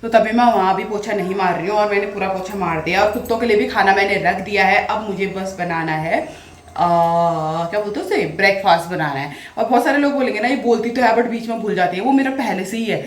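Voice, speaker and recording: A woman's voice: mid-range voice, a little fast, slight background noise. A woman, chatting in a rambling, casual way in a daily home vlog, often mixing in English phrases. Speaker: vlogger.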